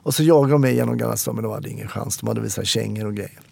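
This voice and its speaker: Gravelly-voiced man. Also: on the low side, a little mellow. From Stockholm, Sweden. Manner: reflective storyteller, frequent hesitations. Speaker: guest, former police officer. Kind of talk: candid interview conversation.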